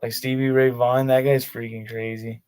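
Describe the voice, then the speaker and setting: Male streamer, casual livestream chat, very flat monotone delivery, smooth clean voice, relaxed slangy filler-heavy talk. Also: mid-range voice, normal speed. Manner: laid-back slangy talk full of "like" fillers. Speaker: streamer of his own tabletop game sessions.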